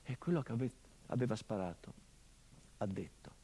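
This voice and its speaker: A stage actor speaks as a son in middle age tormented by his father's murder, in a theatrical radio monologue that stays close and brooding before erupting in anguish. He has a lowish, dark voice with a breathy edge and speaks at normal speed.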